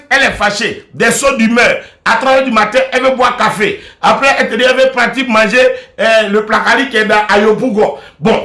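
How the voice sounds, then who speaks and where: A man preaching a sermon as a bishop. He is animated and humorous, acts out scenes with sudden shouted bursts, and slows into emphatic, litany-like blessings. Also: high-pitched, roomy sound.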